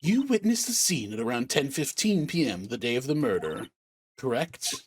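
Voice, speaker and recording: A man's voice: mid-range voice, sing-song, normal speed, a little hiss or hum, close to an everyday voice. A man reading as an earnest young defense lawyer.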